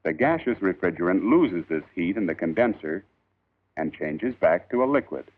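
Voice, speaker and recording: A man reading a scripted 1940s instructional film in a formal, measured, emphatic old newsreel narrator style. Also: deep voice, lively intonation. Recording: tinny band-limited 1940s film soundtrack.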